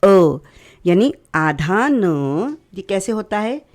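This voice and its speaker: A woman teaching young children in a very slow, unhurried voice, sounding out each letter patiently. She mixes English words into her explanations. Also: medium pitch, animated, a little mellow. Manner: slow, patient, syllable-by-syllable drilling. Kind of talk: children's lesson.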